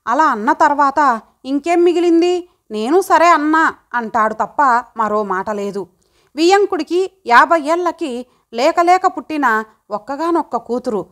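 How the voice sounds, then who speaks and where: A woman narrating an audiobook story in a measured, reflective way. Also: high voice, fairly bright tone.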